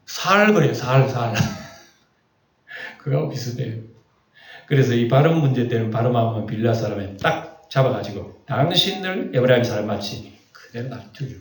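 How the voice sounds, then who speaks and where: A man preaching a sermon as a pastor, lively and colloquial, with rhetorical questions. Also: mid-range voice, reverberant, distant mic. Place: church sanctuary.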